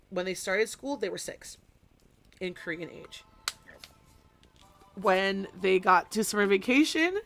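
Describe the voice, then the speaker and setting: A woman's voice: on the low side, fairly bright tone. A woman who works as a kindergarten teacher, chatting casually and rambling through classroom anecdotes during a hobby live stream from home.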